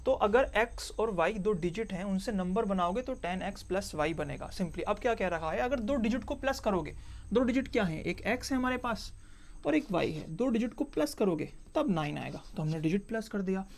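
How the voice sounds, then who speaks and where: A man's voice: high voice, animated, a little fast, gravelly. A male math teacher walks through a problem at the board, one step at a time. He repeats each point and checks in with his students as he goes. He slips English math terms into his explanation. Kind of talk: board-work math lesson.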